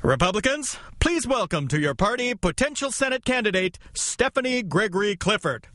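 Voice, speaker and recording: A man's voice: high-pitched, very animated, moderate pace. A man delivering a comic news segment as a correspondent in a wry way. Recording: loud hip hop music underneath.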